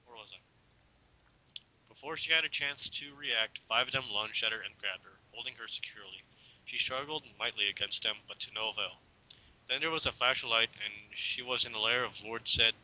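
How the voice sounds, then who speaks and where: A young man gives an amateur dramatic reading of a story, stumbling now and then and drifting into casual asides. His voice is on the low side, brisk and sharp-toned, captured in a dull lo-fi home recording.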